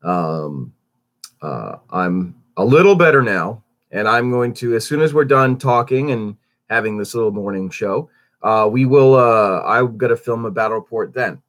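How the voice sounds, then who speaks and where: Speaking at a medium pitch and moderate pace, this man hosts a laid-back morning update for his YouTube channel. He sounds congested and unwell, rambling with many fillers and restarts, though he's animated and his greetings swoop up.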